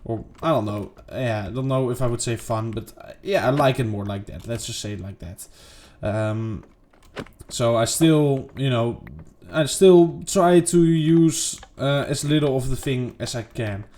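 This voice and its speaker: A man's voice: unhurried, darkish tone. A man casually talking through his gameplay, rambling and second-guessing himself with lots of fillers. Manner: rambling, self-questioning, lots of fillers and "boom". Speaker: gaming video creator. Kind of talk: casual unedited gameplay commentary.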